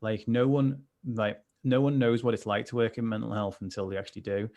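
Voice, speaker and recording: A man's voice: lowish voice, little pitch movement, brisk, a little mellow. A man, a mental health coach, chatting earnestly on a livestream, rambling with many restarts. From United Kingdom. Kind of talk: casual conversation on a livestream.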